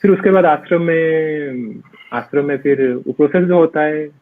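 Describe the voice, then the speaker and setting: A man's voice: fairly high pitch, moderate pace. A man, a monk being interviewed, recounting his own story hesitantly, with many fillers and English words mixed in. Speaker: monk guest. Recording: dry tinny phone-like sound.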